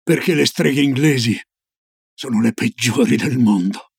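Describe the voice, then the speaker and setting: A man's voice: gravelly, breathy edge, no echo, studio quality. A man doing a grave old grandmother. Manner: slow, low, solemn warnings. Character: old Norwegian grandmother, cigar-smoking, grave storyteller.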